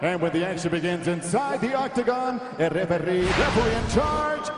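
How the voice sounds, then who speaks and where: Booming lucha libre style announcer man, high-pitched. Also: expressive, soft background music. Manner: booming showman delivery with drawn-out names. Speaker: ring announcer. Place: large indoor arena. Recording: echoey arena PA, long reverb, loud crowd.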